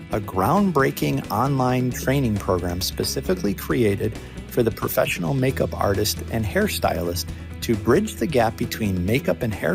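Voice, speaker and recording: A man's voice: mid-range voice, creaky. A man hosting a podcast interview, reading a scripted introduction and asking upbeat questions. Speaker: podcast host.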